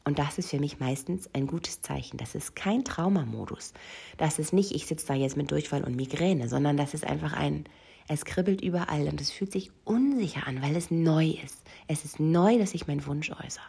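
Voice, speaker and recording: A woman's voice: low-pitched, lively intonation, normal speed, vocal fry, warm tone, husky. A woman coach talking intimately to the listener in a personal monologue, often sinking into a whisper. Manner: addresses the listener directly. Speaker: session coach.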